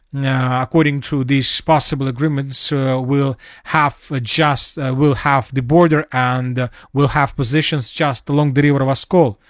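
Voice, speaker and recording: A man with a manner giving a solo spoken analysis of war news, halting often with fillers and restarts. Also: mid-range voice, no echo, clean studio sound. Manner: halting, many fillers and restarts, non-native phrasing.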